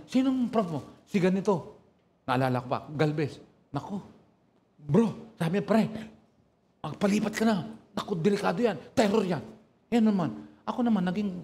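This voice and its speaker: A man's voice: fairly high pitch, a little hiss or hum. A male pastor from the northern Philippines preaching a sermon, telling stories and calling for amens from the congregation. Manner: animated storytelling, calls for amen from the congregation.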